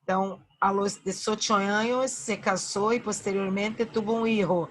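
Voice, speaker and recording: A woman's voice: medium pitch, steady tone, normal speed, a little hiss or hum. A woman teacher with a Brazilian Portuguese accent giving an online grammar lesson, patiently repeating verb forms and checking in with her students.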